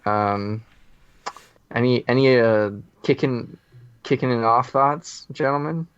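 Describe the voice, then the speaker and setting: A man's voice: mid-range voice, slow, a bit bright, highs cut off, a little hiss or hum. A man co-hosting a podcast in casual, conversational chat. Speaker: podcast co-host.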